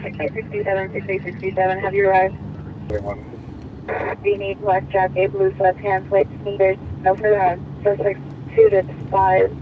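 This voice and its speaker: A police dispatcher heard over a scanner radio, calling out rapid clipped codes and addresses. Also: mid-range voice, completely flat delivery, background noise. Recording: muffled scanner heard from a distance.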